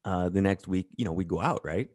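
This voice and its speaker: A man talking as an interview guest, blunt and profane, telling animated stories in a casual chat. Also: low voice, brisk, no echo, clean studio sound.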